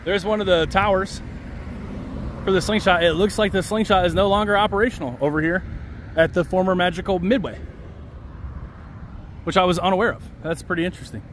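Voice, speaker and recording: A man's voice: high-pitched, brisk, pauses often. A man in his thirties narrating a casual walking tour outdoors, musing aloud as he points things out, recorded on a handheld camera. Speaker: vlogger giving a walking tour. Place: outdoors along a busy city street. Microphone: handheld camera mic with a front selfie view. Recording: outdoor street with faint traffic noise.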